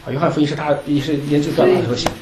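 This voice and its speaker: Brief: fast, jokey Bible class leader, lively delivery, echoey room. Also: mid-range voice, crowd noise. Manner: chatty, joking, laughs often, many restarts. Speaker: Bible study teacher. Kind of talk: informal Bible class talk. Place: church meeting room with a group. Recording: roomy room echo.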